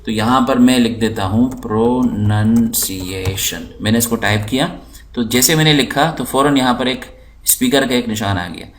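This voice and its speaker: A man teaching English, explaining slowly and patiently while walking through dictionary and translation tools on his screen, often repeating words for learners. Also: medium pitch. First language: Urdu. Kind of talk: screen-recorded lesson.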